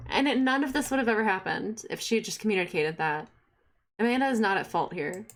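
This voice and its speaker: Expressive young woman streamer. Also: mid-range voice, fast. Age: young adult. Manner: expressive, swearing, chatty. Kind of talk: game commentary.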